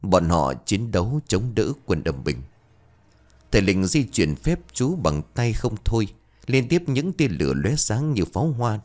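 A man narrates a ghost story in a dramatic, expressive way. His voice is low and deep, and his pitch swings widely as he reads. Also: measured pace.

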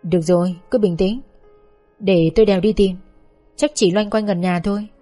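A woman's voice: mid-range voice, steady tone, moderate pace, warm tone, soft background music, natural voice. A curt, cold young husband, as a woman reads him. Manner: curt and dismissive.

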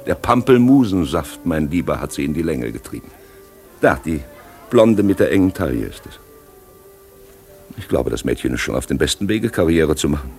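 An urbane, mocking gentleman in a vintage radio play, languid and cultivated. His very deep voice drawls ironic remarks over faint music. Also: sing-song, normal speed, exaggerated voice.

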